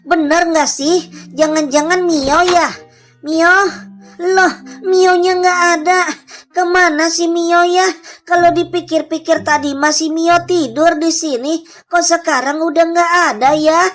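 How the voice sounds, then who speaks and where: A woman's voice: very high-pitched, fairly even intonation, a little slow. A woman narrating a game roleplay as a frightened girl searching for her friend, talking anxiously to herself and calling out over faint background music. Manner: anxious, talks to herself, calls out repeatedly.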